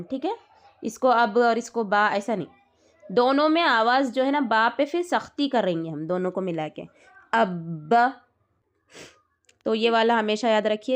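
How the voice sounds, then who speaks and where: This fairly high-pitched woman is a patient Quran recitation teacher. Slowly she lays out the rules, restating each one and confirming her student is following.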